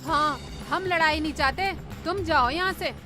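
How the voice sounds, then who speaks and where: A bold young village wife in a comedy film, outspoken and defiant. Her voice is very high, as a woman acts her out, with music playing behind. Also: moderate pace, close to an everyday voice.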